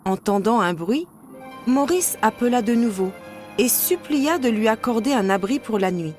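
A woman narrating a children's storybook in a steady read-aloud delivery. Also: fairly high pitch, moderate pace. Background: background music.

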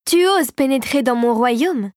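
A woman voicing a giant, sinister female puppet queen, speaking slowly and imperiously in a storybook reading. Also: dry recording, clean studio sound, close to an everyday voice. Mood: menacing. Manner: slow, booming, imperious.

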